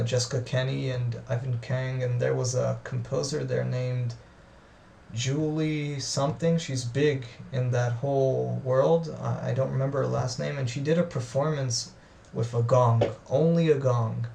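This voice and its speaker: Gravelly man far from the mic. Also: medium pitch, fairly even intonation, warm tone. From grew up in the US, Australia and Israel. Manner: halting, many restarts and fillers. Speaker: interviewee. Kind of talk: casual conversation. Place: lives in Israel. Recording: roomy far-off audio with faint noise.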